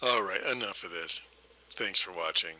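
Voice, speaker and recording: This hobbyist vlogger shows off vintage audio equipment in a casual, unplanned demonstration, his low voice pushed and bright at a normal pace. He muses out loud in a rambling, unsure, self-mocking way. Everything comes through an old reel-to-reel mic, hissy and noisy.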